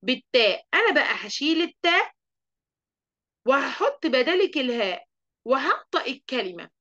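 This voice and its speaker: A woman with an Egyptian accent teaching an online lesson to young children, lively and asking the class questions she then answers. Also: high-pitched, muffled recording. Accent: Egyptian Arabic. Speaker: primary school teacher.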